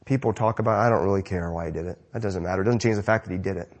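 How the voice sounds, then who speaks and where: A male pastor preaching a sermon in an animated, conversational way. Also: low voice, racing.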